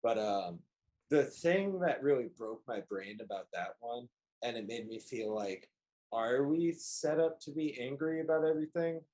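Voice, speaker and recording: A man co-hosting a relaxed podcast chat, talking in a mid-range voice. He tells his stories with animated energy. He sounds like he is on a home mic over a video call. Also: mid-range voice, moderate pace. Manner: animated storyteller, slips into playful voices. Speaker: podcast co-host. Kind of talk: casual chat.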